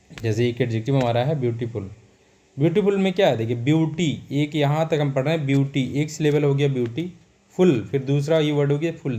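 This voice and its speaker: Mellow-voiced male teacher. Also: mid-range voice. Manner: repetitive, asks and answers himself. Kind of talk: recap of a grammar lesson.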